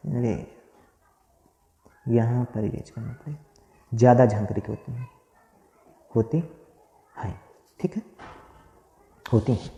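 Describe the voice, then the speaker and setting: A man with a mellow, dark voice teaches a grammar class, saying each phrase several times as he dictates notes. He keeps asking his own questions and answering them. The sound is roomy, with a long, echoing tail. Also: mid-range voice, slow pace, gravelly, long pauses. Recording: echoey room with long reverb.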